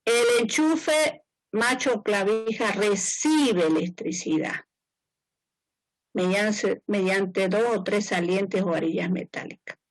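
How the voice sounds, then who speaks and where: Speaking slowly at a medium pitch, a woman who is an engineer teaches a class, keeping her explanations informal. She goes over her points more than once and regularly checks on her students. The audio is poor, with no room sound.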